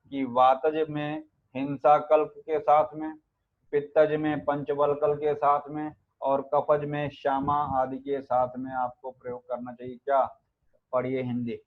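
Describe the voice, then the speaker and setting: Lecturing man over a tinny line. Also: medium pitch. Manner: chants Sanskrit verses, quizzes students with rhetorical questions. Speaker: Ayurveda lecturer. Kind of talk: classroom lecture. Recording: narrow phone-like sound.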